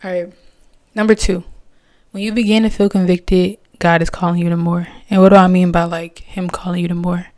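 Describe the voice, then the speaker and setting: A woman's voice: lowish voice, flat delivery, fairly quick, darkish tone, dry recording, clean studio sound. A young woman hosting a podcast, talking candidly and casually about faith, with plenty of slang. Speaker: podcast host.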